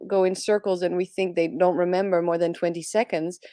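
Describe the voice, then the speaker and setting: A woman's voice: lowish voice, flat delivery, fairly quick, mellow, no room sound, clean studio sound. A woman speaking English as a second language, co-hosting a tarot live stream in a chatty way, laughing often. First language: not English. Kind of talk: casual chat.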